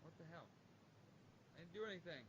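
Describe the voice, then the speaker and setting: A man co-hosting a casual gaming podcast, heard muffled and far away over a poor remote connection, giving short, relaxed replies. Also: on the high side, fast, husky, no echo. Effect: muffled, distant sound. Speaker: podcast co-host. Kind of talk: casual chat.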